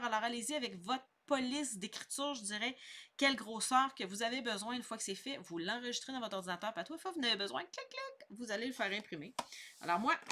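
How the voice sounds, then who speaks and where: A woman's voice: a little high, pushed and bright. A middle-aged woman with a Québécois French accent, giving a chatty, upbeat scrapbooking tutorial and explaining each step. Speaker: scrapbooking instructor. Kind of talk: casual craft tutorial.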